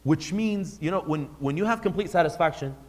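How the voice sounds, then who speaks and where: A religious teacher, his voice slightly high and fairly quick, teaches a live class conversationally and puts questions to the audience. The recording has a long hall reverb.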